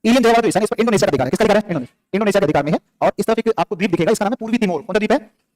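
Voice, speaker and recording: Over soft background music, a male teacher lectures in a high, expressive, very fast voice that is a little mellow. He drills facts by firing off questions and answering them himself, with scolding and jokes for the students in between.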